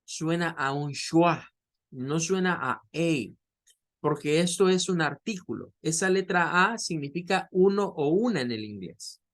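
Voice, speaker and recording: Male teacher, higher voice, patient, repeats himself, slow drawn-out examples. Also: animated, a bit bright. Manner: explains slowly, models English words in drawn-out demonstrations; patient, repeats words and restarts phrases often. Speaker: English teacher. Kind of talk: recorded online lesson.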